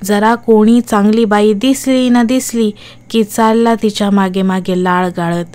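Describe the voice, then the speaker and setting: A woman's voice: mid-range voice, fairly even intonation, measured pace, warm tone, clean tone, close to an everyday voice. A woman voicing a spiteful half-burnt ghost woman. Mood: spiteful taunting. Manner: taunting, scolding, cackling.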